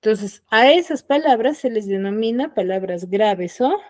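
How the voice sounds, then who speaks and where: A woman's voice: on the high side, expressive, a little mellow, no echo. Patient woman teacher on a video call. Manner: patient, keeps checking understanding with quick questions. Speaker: secondary school language teacher. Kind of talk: online class lesson. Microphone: computer mic on a video call.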